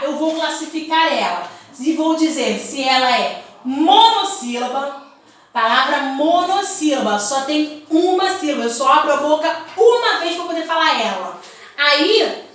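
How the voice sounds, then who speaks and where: Brief: woman teacher, high bright voice, for small children, recorded a little off-mic in a very echoey room. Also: recorded from a distance. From Brazil. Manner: sing-song teacherly tone, stretches words slowly syllable by syllable. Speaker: primary school teacher. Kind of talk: recorded remote lesson for young children.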